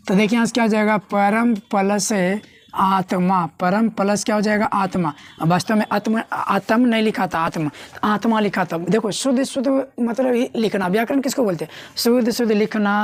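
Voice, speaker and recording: A young woman teaching grammar at a board, her voice at an ordinary middle pitch. She keeps quizzing her students and answering herself, and she stretches out words slowly to spell them syllable by syllable. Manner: repeats key words and asks the class questions.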